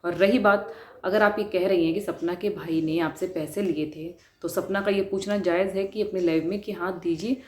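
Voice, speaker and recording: A woman's voice: lowish voice, steady tone, normal speed, darkish tone. A woman vlogger giving an earnest, questioning commentary on a dispute. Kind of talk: spoken commentary. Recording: roomy with faint noise.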